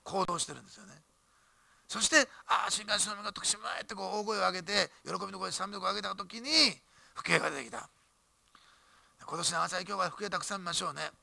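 Pastor guy preaching super fast, gravelly husky voice, animated and joking around. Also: high-pitched, no room sound. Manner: animated, emphatic preaching with jokes and asides. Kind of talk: sermon. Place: church.

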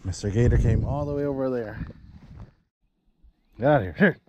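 A man's voice: mid-range voice, moderate pace, lo-fi sound. A young man vlogging while fishing from a canal bank outdoors, talking casually to the camera and to himself. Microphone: head-mounted action camera. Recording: outdoor action-camera audio with clear background noise.

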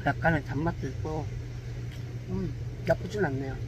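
A man's voice: a little high, moderate pace, background noise. A man giving casual, candid verdicts on food as he tastes it, speaking with his mouth full. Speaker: food vlogger. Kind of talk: casual taste-test commentary.

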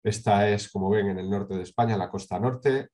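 A middle-aged Spanish sustainability consultant with a low, dark voice presents a project with slides in an online conference talk, speaking over a webcam on a video call. His delivery is measured, with frequent pauses, hesitations and tag questions.

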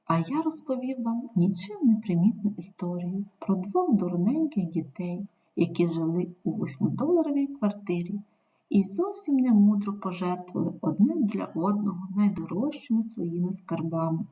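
A woman reading a story aloud in a measured, expressive narration. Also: mid-range voice. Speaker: reader.

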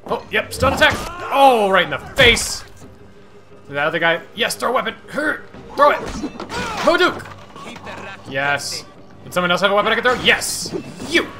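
A man giving casual gameplay commentary as a streamer, excitable and cursing at enemies while game music plays. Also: high voice, a little fast. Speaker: gaming streamer. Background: game audio and music.

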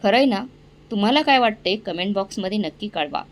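A woman storyteller narrating a family moral story in an expressive, earnest read. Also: mid-range voice, brisk.

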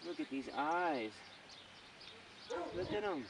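Standing in an open farm field, an American animal rights advocate gives informal on-camera commentary presenting a farm sanctuary, emphatic, repetitive and full of rhetorical questions. His voice is on the high side, animated and slow. Noisy outdoor farm sound is clearly audible behind him.

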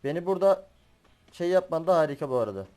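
A young man giving excitable commentary while he plays a battle royale game as a gaming YouTuber, swearing and laughing as he goes. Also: a little high, fast, music in the background. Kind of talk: live gameplay commentary.

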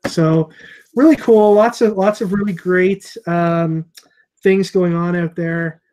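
A man in his thirties who owns a comic shop hosts a casual video-call chat from a room at home, speaking through an earphone headset mic. His voice sits high and steady, slow and a little mellow, and he rambles somewhat, full of fillers and restarts.

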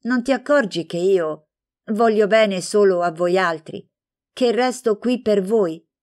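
A woman voicing a gentle, lonely young woman who answers softly and patiently in a storybook reading. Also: mid-range voice, a little slow, voice pushed up, natural voice.

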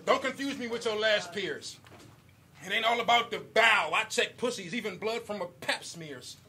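This battle rapper's voice sits high, and he moves at a moderate pace, hitting punchy, rhythmic lines and laughing a little between them. The crowd in the indoor basement venue cheers and shouts throughout a loud live recording.

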